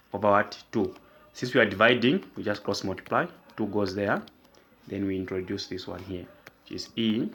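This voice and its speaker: A man with a low-side voice teaches math at a whiteboard, with a little hiss or hum in the audio. Working step by step, he asks his own questions and answers them, explaining slowly, deliberately and with repetition.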